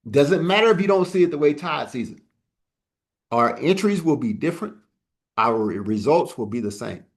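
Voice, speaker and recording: This trading instructor's voice is a little high and expressive, moving at normal speed. Running a casual live class on a video call, he jokes around in a loose way, frequently repeating words when he restarts a thought.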